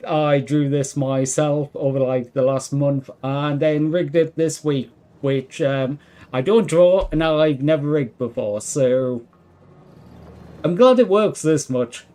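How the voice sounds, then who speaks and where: A man's voice: on the high side, a little slow, warm tone. A man streaming a video game, chatting casually in a self-deprecating way. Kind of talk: casual livestream chat while gaming.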